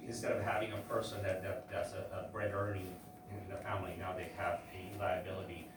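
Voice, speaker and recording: A man giving public testimony at a hearing, halting with many fillers and restarts. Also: low voice, little pitch movement, noisy background. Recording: echoey hearing room from far off.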